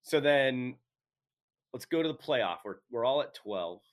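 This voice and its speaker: A man's voice: mid-range voice, animated, unhurried. A man co-hosting a casual sports chat with informal, bantering delivery. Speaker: podcast co-host.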